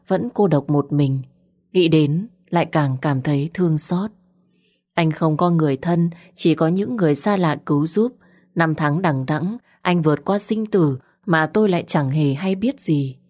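A woman narrates a first-person story. Her voice sits very low, and she reads softly and slowly with feeling. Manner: soft, slow and emotional.

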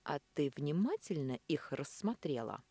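A woman voicing a jealous male demon lover in an audiobook, speaking slowly and gruffly. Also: sits low, sing-song, mellow, no echo, heavily acted. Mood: angry. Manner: slow, gruff, grumbling.

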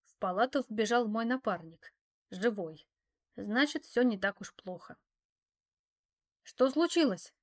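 Woman reading a first-person story out loud, expressive, a bit wry, mid pitch. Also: a little slow. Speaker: audiobook narrator.

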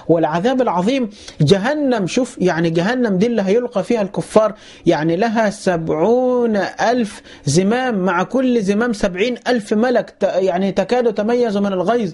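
Fast-talking man teaching Quran commentary. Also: high-pitched, darkish tone. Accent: Egyptian Arabic. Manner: explains by asking and answering his own questions; recites verses slowly, then explains in colloquial speech.

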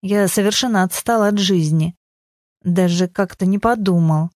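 A woman's voice: medium pitch, normal speed, darkish tone, no echo, studio quality, lightly acted. A woman voicing a shy, awkward grown man who speaks apologetically in an audiobook. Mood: sheepish. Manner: embarrassed, apologetic.

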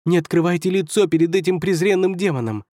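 A pompous celestial advisor who shrieks in high, strained outrage, voiced by a man. His lines jump well above the reader's usual pitch and get louder. The take is close and dry. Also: fast talker, no room sound, lightly acted. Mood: shrieking. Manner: shrieking, indignant, sputtering. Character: shrill pompous male celestial first advisor. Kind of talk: audiobook character voice.

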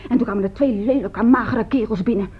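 A loyal, fiery young housemaid, voiced by a woman, rattles through her story with stammers. Her voice sits high, and the old radio play recording sounds dull and lo-fi. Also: quick pace, slightly rough. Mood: indignant. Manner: breathless lively storytelling, stammering. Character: loyal excitable female housemaid, young adult. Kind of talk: radio drama acting.

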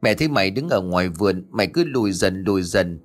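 A man's voice: deep voice, lively intonation, quick pace, soft background music. Man doing a shaky, scared old mother. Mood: shaken. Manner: trembling, stammering. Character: frightened elderly mother, shaky and anxious.

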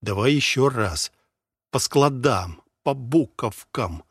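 A man's voice: mid-range voice, lively intonation, slow pace, husky, no echo, exaggerated voice. Man reading a confused young ranger guy, puzzled and pleading, dry sound. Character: bewildered young male ranger.

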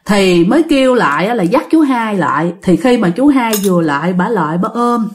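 A woman's voice: mid-range voice, very animated, brisk. A woman with a Southern Vietnamese accent casually telling a ghost story, chatting directly to her listeners.

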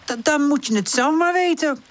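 A woman voicing a cautious, rule-minded little female puppy in a children's audiobook, high and lively. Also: normal speed. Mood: cross. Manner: hesitant, rule-minded, cross.

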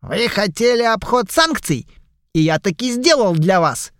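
A fussy old goblin pirate, put on by a man reading aloud, his r's burring as he haggles and exclaims. The voice sits high and carries loudly. It sounds dry and close, with no room around it. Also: big pitch swings, a little slow, no room sound, heavily acted. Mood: wheedling.

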